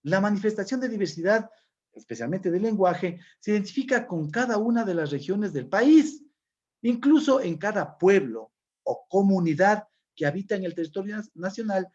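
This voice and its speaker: A man lectures a class in a fairly high, husky voice. He explains patiently and keeps checking in with the listeners. The sound is dull and lo-fi. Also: lively intonation, normal speed, a little mellow. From Ecuador. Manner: explanatory, frequent checking questions. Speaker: teacher. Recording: dull lo-fi recording.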